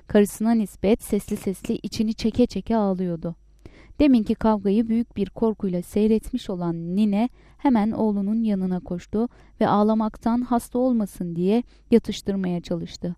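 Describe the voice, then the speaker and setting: A woman narrating a story in a calm, measured reading voice. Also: mid-range voice, no room sound, clean studio sound.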